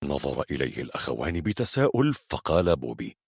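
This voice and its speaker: A man narrating a thriller audiobook with a husky voice and dramatic delivery. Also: rumbling low, very animated, brisk, no room sound, studio quality. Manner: dramatic, varied storytelling delivery.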